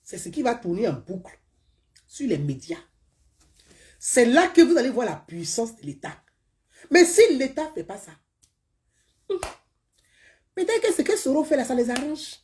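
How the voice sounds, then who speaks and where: A political commentator from Côte d'Ivoire speaks with an Ivorian French accent in a casual live-stream monologue to viewers. She is emphatic and repetitive, her slightly high, sing-song voice moving at a measured pace with frequent pauses and sentences that often fade softly away.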